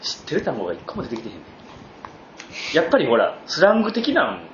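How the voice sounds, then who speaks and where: A man with a Kansai accent tells stories quickly, his pitch leaping and dropping dramatically for effect. The recording has a roomy feel with a slightly muffled top end and faint noise underneath. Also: over a noisy crowd. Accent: Kansai Japanese. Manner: expressive, wide-swinging anecdotal telling. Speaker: podcast co-host. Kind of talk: casual chat. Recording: roomy, slightly dull home podcast audio.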